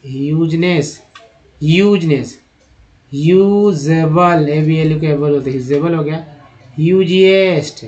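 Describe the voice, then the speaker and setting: A man's voice: on the high side, darkish tone. A man teaching English reading, sounding out words syllable by syllable and repeating each one. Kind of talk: slow word-by-word reading lesson. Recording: dull lo-fi recording.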